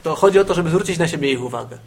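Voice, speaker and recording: A man improvising a comic role-play character on a podcast, giving deadpan, matter-of-fact replies. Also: fairly high pitch, rapid-fire.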